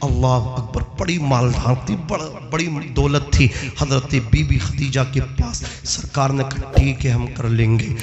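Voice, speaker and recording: A man preaching a sermon in a melodic, chanting delivery that climbs into shouts, calling out to his listeners for responses. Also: medium pitch, few pauses, highs cut off, music in the background. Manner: calls out to the audience for responses. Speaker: Islamic preacher.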